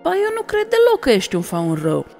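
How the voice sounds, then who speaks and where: A kind young girl in a storybook, pleading and urgent, as a woman narrator puts her on. The voice sits high and rings with a long hall reverb. Soft music plays faintly behind. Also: wildly swooping pitch, full character voice.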